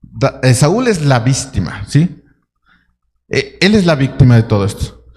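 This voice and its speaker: A man's voice: medium pitch, very animated, measured pace, darkish tone. A man preaching a sermon as pastor, dramatizing a story and throwing rhetorical questions at his congregation. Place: church hall. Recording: long church hall reverb.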